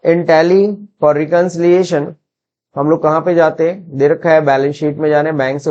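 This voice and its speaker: A man with an Indian English accent teaching an accounting software lesson, switching between Hindi and English and asking and answering his own questions. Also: on the high side, dull audio. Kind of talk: screen-recorded classroom lesson.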